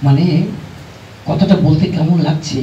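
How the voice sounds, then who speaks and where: A man playing a hesitant village father in a comic puppet show, with halting phrasing. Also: fairly high pitch, fairly even intonation, dark tone, a little hiss or hum, close to an everyday voice. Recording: roomy, distant, dull pickup with music.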